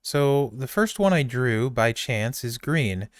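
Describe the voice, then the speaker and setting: A man's voice: mid-range voice, animated, slow pace, dry recording, clean studio sound. A man hosting a casual podcast chat, talking in an easygoing, enthusiastic way. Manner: chatty, gushes over candy while chewing. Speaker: podcast host.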